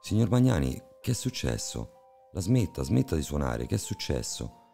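A man's voice: rumbling low, big pitch swings, measured pace, gravelly, darkish tone, soft background music, heavily acted. A man voicing an alarmed middle-aged woman neighbor, speaking urgently in a raised voice.

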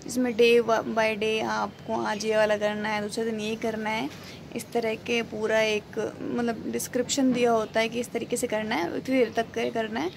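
Young woman, rambling vlog to camera, flat tone, noisy outdoor phone recording. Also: a little high, normal speed, creaky. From India. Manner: chatty, rambling, filler-heavy. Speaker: vlogger. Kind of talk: casual vlog talk to camera. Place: outdoors on a quiet railway colony road. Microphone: phone held at arm's length.

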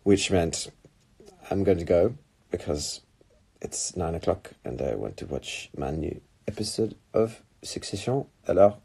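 A man's voice: deep voice, sing-song, unhurried, creaky, a little mellow, slightly rough. A man chatting casually on a phone livestream, rambling and self-deprecating as he answers fan questions.

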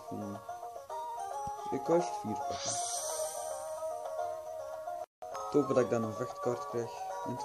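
Tired young man rambling over game music. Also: medium pitch. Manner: rambling, mumbling to himself, swearing. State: tired, drowsy. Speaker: gaming video host. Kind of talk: casual gameplay commentary. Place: small room at home.

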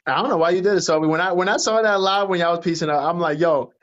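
High-pitched New Jersey man, dull lo-fi sound. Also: very fast, a bit bright. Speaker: livestream host. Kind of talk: casual livestream rant. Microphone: phone at arm's length. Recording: dull lo-fi livestream phone audio.

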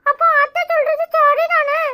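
A woman's voice: flat delivery, moderate pace, pushed and bright. A woman voicing a sulky, tearful little boy in a Tirunelveli Tamil accent for a cartoon. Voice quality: very high, childlike. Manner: whiny pleading, near tears. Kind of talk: cartoon comedy voice acting.

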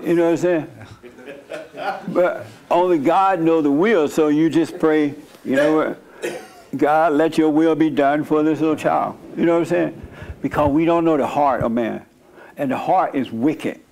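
Seated beside a small table on a darkened studio stage, a middle-aged pastor answers audience questions as though preaching, blunt and declarative, with quick asides and put-on prayer voices. His pitch runs slightly above the typical male range, and the overall tone is darkish.

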